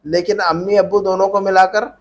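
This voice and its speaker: A man with a high, level voice speaks fairly quickly while teaching an Arabic grammar class. He patiently repeats questions and prompts his students to answer back, drilling them call-and-response style.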